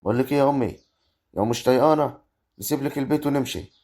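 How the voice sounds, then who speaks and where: A man as a young Egyptian village husband, talking at breakneck speed and exasperated with his mother. His voice is mid-pitched, in a homemade web drama. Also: very fast, warm tone, natural voice. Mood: arguing. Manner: exasperated, arguing. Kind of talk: amateur rural family drama acting.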